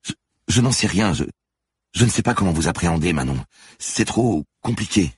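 A man's voice: rumbling low, brisk, gravelly, husky, no echo, clean studio sound, pitched above the performer's own voice, heavily acted. A man voicing a firm woman police lieutenant who talks urgently and reassuringly.

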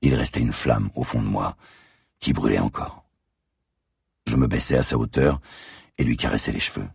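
A man narrating an audiobook in a measured, tense first-person storytelling voice. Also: very deep voice, gravelly, breathy edge, no room sound, clean studio sound.

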